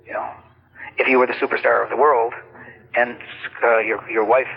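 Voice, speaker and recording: A man's voice: medium pitch, flat delivery, moderate pace, creaky, husky. A man talking in a rambling, boastful way to his son, heard on a poor old cassette tape of a phone call. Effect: poor-quality old cassette tape of a phone call. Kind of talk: casual phone chat.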